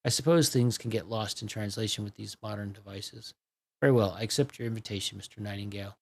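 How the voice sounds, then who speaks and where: A man voicing a gruff, pompous older man who talks bluntly and dismissively. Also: lowish voice, fast, darkish tone. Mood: grudging.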